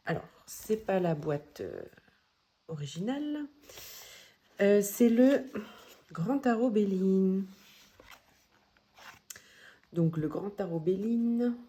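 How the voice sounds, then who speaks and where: Woman showing her card decks, slow and hesitant, lots of little pauses, warm low voice. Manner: hesitant, many fillers, gentle. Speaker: tarot deck vlogger. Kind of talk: casual show-and-tell.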